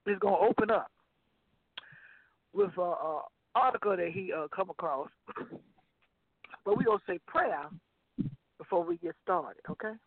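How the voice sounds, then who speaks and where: This gospel radio co-host and evangelist has a husky, gravelly mid-range voice, a little slow, with long pauses. Heard on dry, tinny phone-line audio without echo, she banters with sassy, animated, playful teasing and then leads a prayer.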